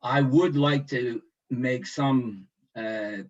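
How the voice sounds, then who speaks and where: Slow careful guy from the us, lots of uhs, middling pitch, muffled call audio. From United States. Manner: slow, measured, with many hesitations. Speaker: guest commenter. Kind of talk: online discussion remarks. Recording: dull lo-fi sound.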